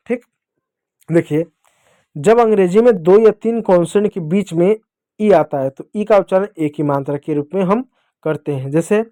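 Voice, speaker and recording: A man's voice: high-pitched, dark tone, no room sound, clean studio sound. A man teaching young children English phonics in a patient classroom manner, asking questions and answering them himself. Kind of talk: classroom phonics lesson explained in Hindi.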